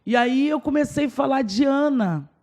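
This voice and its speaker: A woman's voice: high voice, moderate pace, a little mellow. A woman pastor with a Brazilian Portuguese accent telling a personal testimony in a podcast interview, emotional and acting out the dialogue. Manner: emotional storytelling, acts out dialogue.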